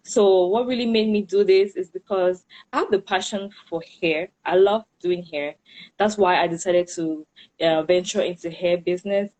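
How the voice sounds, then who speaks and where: A woman's voice: lowish voice, moderate pace, darkish tone, muffled recording. A woman from Cameroon with a Cameroonian accent, talking casually as an interview guest and often repeating and rephrasing as she goes. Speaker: interview guest, hairstylist and entrepreneur.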